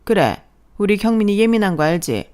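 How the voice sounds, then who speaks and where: A woman's voice: medium pitch, very animated, a little fast, a little mellow, lightly acted. A woman voicing a sarcastic, nagging older mother-in-law in a spoken drama story, scolding and sniping.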